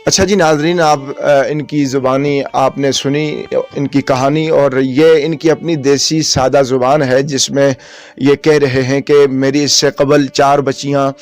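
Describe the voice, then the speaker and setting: A man's voice: medium pitch, flat delivery, a little slow, soft background music. A man hosting a field report, narrating solemnly in formal speech and appealing to viewers. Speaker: reporter host.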